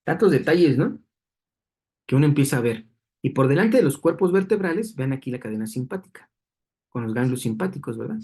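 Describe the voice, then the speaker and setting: A man's voice: medium pitch, animated, fairly quick, dark tone, breathy edge. A man teaching anatomy in a classroom lecture, explaining diagrams and checking in with students through frequent tag questions.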